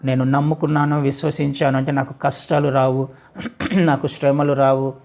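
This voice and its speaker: A man preaching a sermon who asks his listeners questions, repeats phrases in building series, and swings between loud calls and low, slow stretches. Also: little pitch movement. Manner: asks rhetorical questions, addresses listeners directly.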